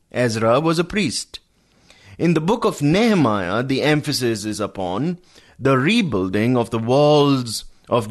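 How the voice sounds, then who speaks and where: A man teaching a verse-by-verse Bible study on the radio, calmly explaining and calling his listeners friends. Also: mid-range voice. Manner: addresses listeners as friends, measured teaching pace.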